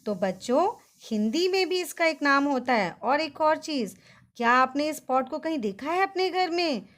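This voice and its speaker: A woman's voice: sits high, animated, moderate pace, fairly bright tone. A woman teacher leading a children's Hindi vocabulary lesson, spelling words out syllable by syllable and praising the class in a sing-song, teacherly way.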